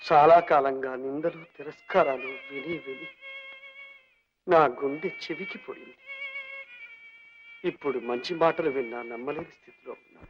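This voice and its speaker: An actor playing an old, ruined former millionaire suffering from leprosy, who speaks in a tearful, sorrowful and humble way. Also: male voice, on the high side, wildly swooping pitch, normal speed, pauses often. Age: older. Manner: sorrowful, tearful, self-pitying pleading. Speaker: film character. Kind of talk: 1960s Telugu film drama. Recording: dull old film soundtrack with music.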